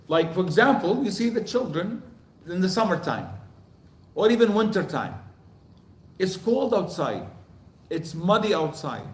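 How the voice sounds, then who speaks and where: An older man speaking to a mosque congregation, animated and quizzing the audience with repeated questions. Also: on the high side. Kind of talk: lecture to a congregation. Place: mosque hall. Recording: echoey hall recording.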